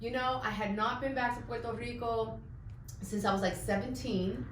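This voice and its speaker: An actress being interviewed, speaking in an effusive way with frequent laughter. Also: female voice, fairly high pitch, fairly even intonation, normal speed. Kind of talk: press junket interview. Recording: roomy with faint noise.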